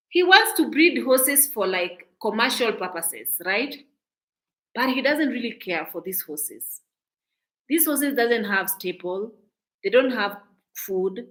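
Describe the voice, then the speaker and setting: A woman's voice: on the high side, a bit bright, low-quality recording. A Kenyan woman giving outspoken, indignant reaction commentary as a vlogger, often restarting her sentences.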